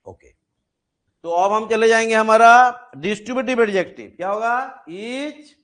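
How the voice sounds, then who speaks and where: High-voiced man teaching a grammar class. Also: unhurried, fairly bright tone. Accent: Indian English. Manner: explains with many examples, checks understanding often.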